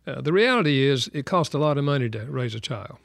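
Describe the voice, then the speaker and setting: An older man hosts in a measured, reflective tone, often pausing on "uh, you know". His voice is gravelly with strong fry and sits at an average pitch. The sound is dry and close. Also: lively intonation, a bit bright, no room sound. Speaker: host. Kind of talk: casual chat.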